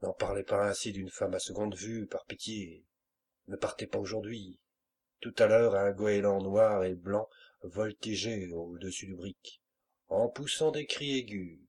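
A timid young woman begs softly and anxiously, voiced by a man in an audiobook, her pleas quiet and hushed. The reading voice underneath stays husky. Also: fairly low pitch, steady tone, measured pace. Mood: pleading. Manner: timid, pleading. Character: timid pleading young woman, captain's lover.

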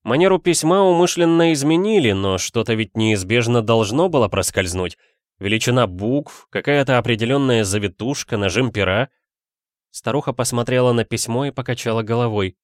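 Male audiobook narrator, even storytelling, dry close recording. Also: mid-range voice, a little fast, dry recording. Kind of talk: reading a detective story.

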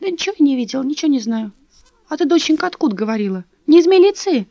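A woman's voice: sits high, sing-song, racing, dark tone, no echo, pitched above the performer's own voice. A woman voicing a fussy, suspicious old female neighbor who chatters and repeats herself, on a dull, dry recording. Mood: wary, wheedling.

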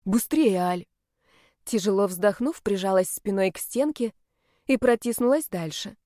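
A woman narrating a first-person fantasy novel in a lively, expressive storytelling manner at a close mic. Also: medium pitch, normal speed, no echo. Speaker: audiobook narrator.

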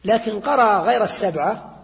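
An older man lectures on grammar in a fairly high voice. He explains step by step, repeats key points and keeps checking in with his listeners. The recording is dull and lo-fi, with a long reverb from a large hall. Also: fairly quick, gravelly. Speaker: teacher of Arabic grammar. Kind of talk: classroom lecture.

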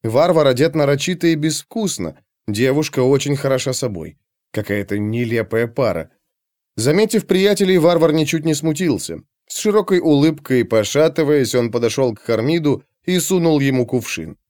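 A man narrating an audiobook in a scripted, expressive, dramatic storytelling manner. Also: mid-range voice, normal speed, dry recording, clean studio sound.

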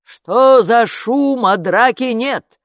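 A woman reading an audiobook, voicing a sleepy, puzzled father calling loudly and drowsily. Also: a little high, extremely slow, no echo, studio quality, pitched above the performer's own voice. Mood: drowsy.

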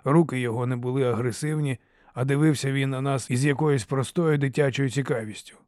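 A man's voice: medium pitch, no echo. Man narrating an audiobook, dry. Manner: steady, measured first-person telling. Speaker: audiobook reader.

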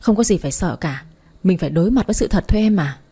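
A woman reading a story aloud, voicing a gentle, teasing young man who comforts his girlfriend, in a soft husky voice. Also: fairly low pitch, expressive, fast talker. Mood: tender.

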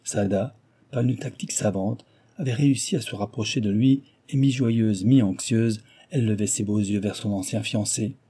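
A man narrating an audiobook in a measured, even reading. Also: fairly low pitch, slightly rough. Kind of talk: scripted narration.

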